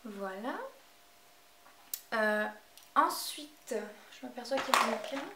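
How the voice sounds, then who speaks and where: A woman's voice: fairly high pitch, takes it slowly, distant mic, very noisy. Hesitant woman vlogging in an echoey room. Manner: hesitant, many filler sounds. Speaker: beauty vlogger. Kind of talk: casual product review.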